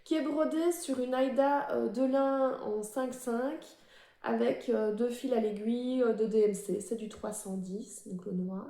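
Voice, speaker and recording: A woman's voice: fairly high pitch, fairly even intonation, mellow, roomy sound. A woman presenting her embroidery projects in a casual show-and-tell, a little nervous and hesitant, with many fillers and restarts. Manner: self-described fast talker, a bit nervous. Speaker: cross-stitch vlogger.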